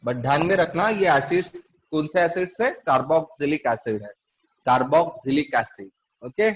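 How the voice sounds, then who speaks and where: Man teaching chemistry, higher voice. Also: takes it slowly, low-quality recording. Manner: asks the class questions often. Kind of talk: classroom lecture.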